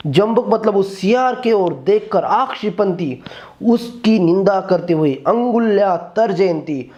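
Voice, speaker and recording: A man's voice: high voice, expressive, unhurried, a little mellow, muffled recording. A man teaching Sanskrit. He reads each line of a text and then explains it word by word in Hindi.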